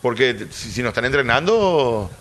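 A man's voice: medium pitch, expressive, moderate pace, a bit bright. A man hosting a radio sports show, chatting casually and leading the guests. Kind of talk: casual sports talk and interviewing.

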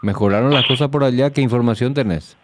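A man hosting a radio interview, calm and measured, explaining at length. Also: medium pitch, background noise. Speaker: radio host.

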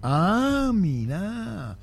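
Radio host, teasing banter. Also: male voice, high-pitched, sing-song, extremely slow, creaky, breathy edge, soft background music. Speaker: radio sports show host. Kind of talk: casual sports radio chat.

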